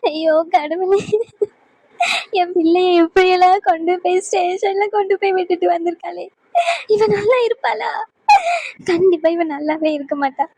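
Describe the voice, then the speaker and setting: A bitter mother-in-law wails and curses through tears, her voice very high and thin, as a woman acts her out. She laments in a rising sing-song, and the sound is dry and close. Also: fairly even intonation, fairly quick, darkish tone, dry recording. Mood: wailing. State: crying. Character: wailing grieving mother-in-law, bitter and cursing.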